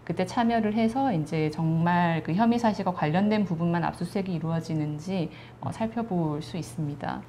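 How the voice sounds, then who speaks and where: A woman in her thirties, a lawyer guest, giving measured and patient legal explanations in a talk program. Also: lowish voice, dark tone, a little hiss or hum.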